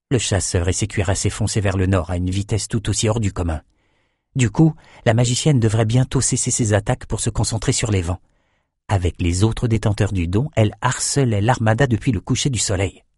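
Low-voiced male audiobook narrator. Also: darkish tone, no echo, clean studio sound. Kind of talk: scripted narration.

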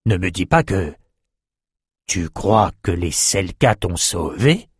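A wry old sorcerer speaks in a low, unhurried voice, as a male audiobook reader puts him on. He sounds measured and gently teasing, and the recording is dry and close. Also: sing-song, slightly rough, no room sound, exaggerated voice. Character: older male sorcerer, calm and wry mentor.

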